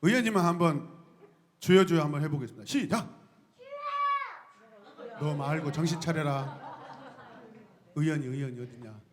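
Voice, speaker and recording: A man preaching a sermon to his congregation, lively and often shouting out cries and calling on the people to join in. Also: a little high, normal speed, pauses often. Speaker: pastor.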